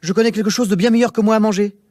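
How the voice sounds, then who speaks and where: A man's voice: sits high, fairly even intonation, racing, warm tone, no room sound, clean studio sound, pitched above the performer's own voice, lightly acted. A man voicing a frightened, hot-tempered king in a storybook reading, pleading and scolding in a raised voice. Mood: alarmed. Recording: music playing behind.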